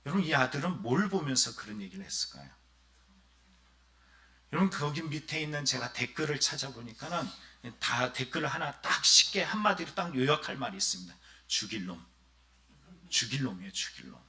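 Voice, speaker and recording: Male pastor, sermon, animated and bright, talks straight to the pews. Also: medium pitch, brisk, vocal fry. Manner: animated preaching, often addressing the congregation directly; acts out quoted voices of villagers and the son. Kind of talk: Sunday sermon.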